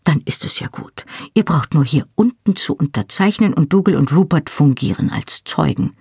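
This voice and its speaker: A reader voicing a man, a modest, fussy lawyer who speaks in a hushed, half-whispered way in an audiobook. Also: fairly high pitch, expressive, normal speed, vocal fry, husky, no room sound, clean studio sound, heavily acted.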